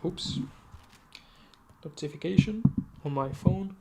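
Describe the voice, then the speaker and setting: A man casting a live esports match, giving quick play-by-play with chatty asides and self-corrections. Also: high-pitched, creaky, heavy background noise. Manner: rapid, self-correcting, chatty asides, sudden excited outbursts. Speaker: esports caster.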